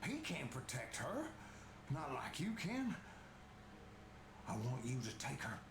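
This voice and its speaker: A man's voice: mid-range voice, wildly swooping pitch, slow pace, full character voice. A man playing a desperate, infected father in a video game cutscene, with stilted, overwrought acting. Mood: pleading. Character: desperate infected father pleading for his daughter. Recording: echoey, noisy game audio over stream.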